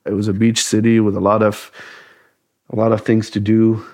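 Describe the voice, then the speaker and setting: Male interview guest from Saudi Arabia and Gaza, low monotone, thoughtful and halting. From grew up in Saudi Arabia and Gaza. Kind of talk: conversational interview answers. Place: home.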